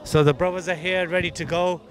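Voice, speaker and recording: A man's voice: sits high, fairly even intonation, brisk, crowd noise. A man casually narrating the scene to camera outdoors before a group bike ride. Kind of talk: casual vlog talk.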